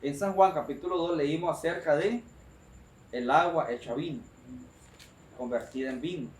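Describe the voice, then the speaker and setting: His high voice ringing through an echoing space, a man preaches an insistent, repetitive sermon at normal speed. He keeps addressing the congregation as "brother."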